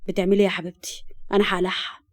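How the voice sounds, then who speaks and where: A woman's voice: medium pitch, flat delivery, rapid-fire, close to an everyday voice. A woman with an Egyptian accent voicing a joking, affectionate young husband in cheeky banter, close to her own voice. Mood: tender.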